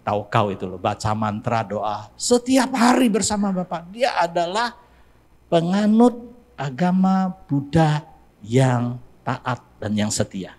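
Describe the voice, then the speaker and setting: Emphatic preaching man, rather high voice. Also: measured pace. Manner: animated preaching, rising to emphatic high exclamations; addresses congregation directly. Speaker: pastor. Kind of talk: sermon.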